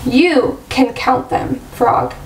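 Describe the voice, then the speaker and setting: A drowsy, grumpy male toad from a children's storybook, as a woman reads him aloud. He speaks slowly in a reluctant, low-key way. The voice sounds distant, in a room with a noticeable echo. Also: a little hiss or hum, heavily acted. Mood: sleepy. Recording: roomy echo, distant mic.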